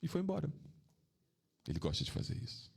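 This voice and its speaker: A man speaks as a spiritual teacher in an informal talk to his devotees. He is reflective and tells personal stories, asks rhetorical questions, and often lets his voice sink into a soft, low register. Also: huge pitch swings, brisk, vocal fry, husky.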